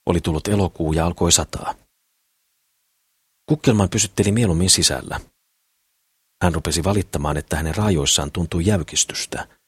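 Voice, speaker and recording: A man reading an audiobook novel in calm, steady scripted narration. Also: deep voice, long pauses, slightly rough, no room sound, clean studio sound.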